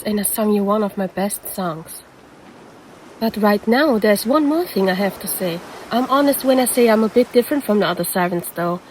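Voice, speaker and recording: A woman's voice: mid-range voice, darkish tone, a little hiss or hum, lightly acted, low-quality recording. A woman voicing a predatory female siren who poses as a lifeguard and teases the listener in an audio roleplay. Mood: teasing, menacing. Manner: teasing, calls the listener handsome.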